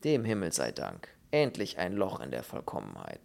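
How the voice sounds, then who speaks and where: A man reading the lines of a calm, ironic fellow prisoner in a dry, sardonic manner. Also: very deep voice, moderate pace, gravelly, pitched below the performer's own voice, exaggerated voice.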